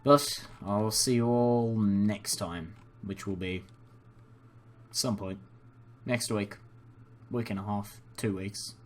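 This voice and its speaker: He speaks slowly in a lowish voice, pausing often. This young native English speaker is hosting a gaming video from an indoor computer setup, giving casual, unscripted commentary that rambles and is both apologetic and self-deprecating.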